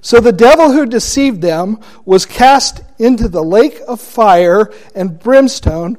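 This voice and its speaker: A man teaching a Bible study class, deliberate and asking his listeners questions. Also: high voice, a little mellow.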